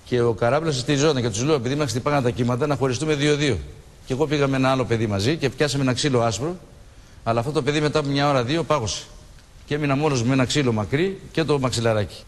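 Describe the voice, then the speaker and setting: Speaking in a mid-range voice that carries like a large hall, a man in his sixties relives a shipwreck he survived. It's an emotional TV studio interview, and he performs the lines he recalls.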